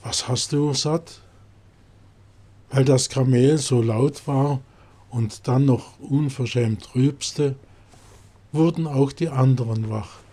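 A man narrating a storybook tale in a calm, measured reading. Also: medium pitch.

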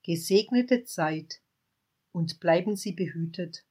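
A woman reading a short fable aloud in an unhurried, gentle, pastoral way. Her voice is low and slightly husky. She closes with a blessing to her listeners. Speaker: devotional storyteller.

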